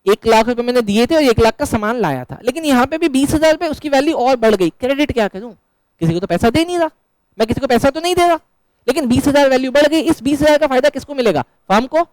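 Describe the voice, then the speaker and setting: A male teacher with a very high, smooth, resonant voice lectures a class live. He fires questions and answers them himself, and he keeps up a teasing, chatty banter with his students. The sound is dry and close. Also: expressive, fast talker, darkish tone, dry recording, rough recording.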